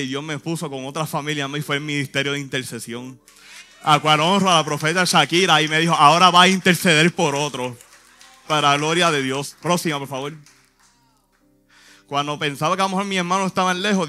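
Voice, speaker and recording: A man's voice: on the high side, pushed and bright. A man, a youth pastor giving an earnest, emotional church testimony in short phrases. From Puerto Rico.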